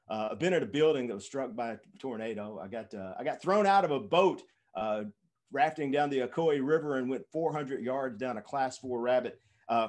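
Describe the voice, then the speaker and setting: A man in his fifties giving a keynote speech, telling dramatic stories in a halting way with lots of fillers and restarts. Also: medium pitch. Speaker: keynote speaker.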